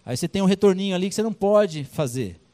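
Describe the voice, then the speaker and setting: Male preacher, high voice, conversational, slangy, sermon. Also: animated, quick pace, dark tone. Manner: conversational, retells scripture with casual slang.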